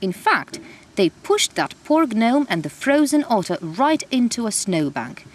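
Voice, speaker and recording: A woman telling a children's story in an animated, expressive way. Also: on the high side, unhurried, husky.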